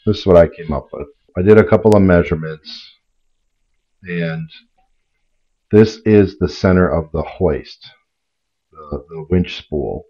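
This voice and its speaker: A man's voice: low voice, measured pace, long pauses, lo-fi sound. A middle-aged man casually explaining a DIY build in his home garage workshop, practical and plain, with small restarts, recorded by a camera a few steps away. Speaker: DIY channel host.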